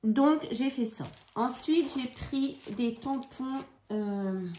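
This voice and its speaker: A woman with a slightly raised pitch talks through her scrapbooking work in an easy, casual way. She improvises as she goes and fills her pauses with hesitations. A faint background noise sits under her voice. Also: darkish tone. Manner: chatty and improvising, with frequent hesitations. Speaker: crafter demonstrating scrapbooking. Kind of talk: casual craft tutorial chat. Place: home craft table.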